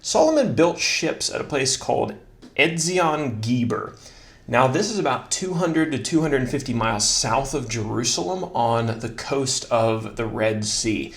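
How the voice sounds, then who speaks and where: A man giving a casual Bible study lesson in a relaxed, self-deprecating way, joking about his own slips. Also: mid-range voice, a little slow, gravelly. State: slightly out of breath.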